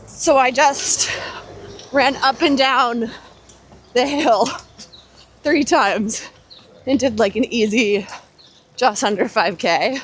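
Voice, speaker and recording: A high-pitched American woman talks casually while out running, animated as she recounts small stories. She is recorded outdoors with faint noise behind her. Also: slow pace, pauses often. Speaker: host of a running chat. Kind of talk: casual chat. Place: outdoors on city streets.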